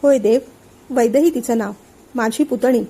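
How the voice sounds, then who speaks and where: A woman voicing a calm older man who patiently explains and soothes his friend. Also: a little high, normal speed, breathy edge. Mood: calm, persuasive. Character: calm older male friend and family elder.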